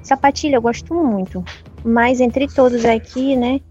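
A woman's voice: a little high, steady tone, measured pace, warm tone, lo-fi sound, soft background music. A woman chatting casually with friends while answering quiz questions, often tagging her sentences with a questioning aside. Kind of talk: casual chat.

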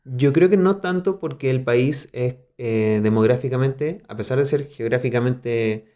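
A man with a Chilean accent, a musician guest on a podcast, speaking in a thoughtful, measured way with dry humor. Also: mid-range voice, warm tone. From southern Chile. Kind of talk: casual interview.

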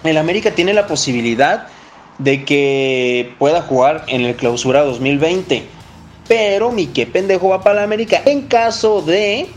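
Higher-voiced Mexican man hosting football talk. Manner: slangy, blunt, emphatic. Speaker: football show host. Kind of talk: casual opinion talk.

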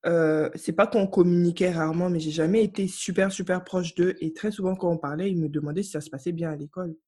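A woman's voice: on the low side, fast talker, breathy edge. A young woman from Africa chatting casually on a podcast, telling stories emphatically. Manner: emphatic, animated storytelling. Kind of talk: casual chat.

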